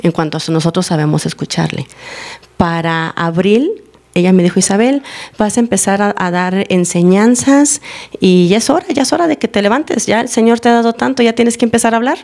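A woman giving a teaching and testimony to her congregation, telling her story with lively acted-out dialogue. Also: medium pitch, brisk. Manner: animated storytelling, acting out dialogue. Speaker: church member giving a teaching. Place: church service, recorded live.

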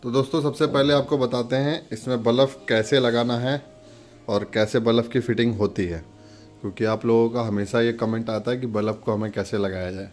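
A man with a mid-range, slightly mellow voice narrates a casual, step-by-step product demo at a moderate pace and fairly even intonation, pointing things out as he goes. He is the channel host, and soft music plays in the background.

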